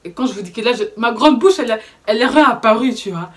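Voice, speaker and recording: A young woman with a Belgian French accent, telling a story to camera in casual vlog chat, animated and indignant, with slangy fillers. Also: on the high side, fast talker. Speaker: vlogger.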